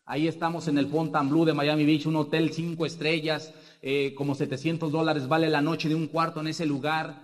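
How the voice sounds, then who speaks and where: A man's voice: on the high side, level tone, a little fast, in a large hall. A man with a Mexican accent giving a rambling motivational testimony as a business speaker, tagging nearly every point with a question. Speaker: business speaker sharing success story.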